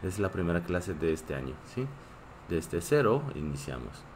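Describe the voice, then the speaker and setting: A man's voice: low-pitched, very animated, moderate pace, darkish tone, a little hiss or hum. A man who is a native Korean speaker, teaching a live online class in a patient way and often checking in with his students. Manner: reads chat and greets viewers.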